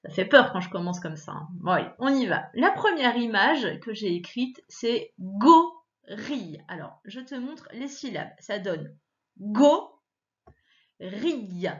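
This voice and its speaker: A woman teacher giving a child a reading lesson, patiently sounding out syllables and repeating words, her pitch jumping up when she stresses a point. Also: very animated, normal speed, hardly any pauses, a bit bright, dull audio. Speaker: primary school teacher.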